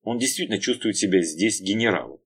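A man narrating an audiobook in a lively, expressive reading. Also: fairly low pitch, fast, husky. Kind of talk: scripted narration.

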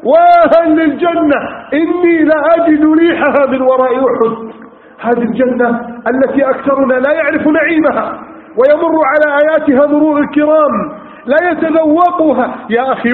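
A man preaching a sermon, telling stories with passion and piling up rhetorical lists. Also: very high voice. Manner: impassioned storytelling with rhetorical lists. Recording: tinny, echoey hall recording.

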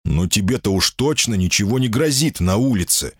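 A man's voice: lowish voice, lively intonation, normal speed, breathy edge, no echo, clean studio sound, voice pushed up. A man voicing a proud, impatient male jinni in human form, curt in his speech, in an audiobook reading.

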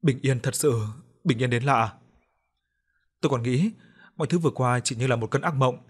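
A man narrating a story in an audiobook, with expressive storytelling. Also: mid-range voice, normal speed, slightly rough. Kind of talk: scripted narration.

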